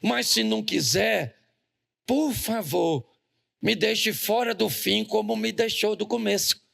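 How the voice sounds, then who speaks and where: A man's high-sitting, gravelly, slightly bright voice moves slowly through a lighthearted sermon. As pastor in a church hall, he jokes, tells stories and engages the congregation, speaking with a Brazilian Portuguese accent.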